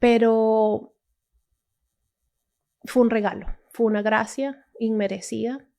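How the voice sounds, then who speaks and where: A Latin American woman gives a casual, emotional personal testimony, telling her story with many restarts, asides and repeated "o sea". Her slightly high voice is steady, slow and dark-toned, with vocal fry.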